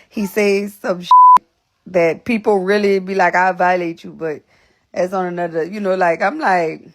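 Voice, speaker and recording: Talking directly to her livestream viewers, a young woman host comes across as salty and blunt, returning to the same words again and again. Her mid-range voice carries a gravelly fry, and she is slightly winded.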